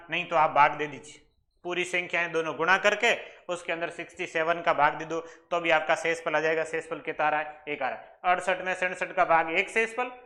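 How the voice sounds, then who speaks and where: With a fairly high, bright, pushed voice, a male maths teacher from Rajasthan, India, gives an exam-prep lesson. He breaks exam questions down step by step, questioning himself and supplying the answers.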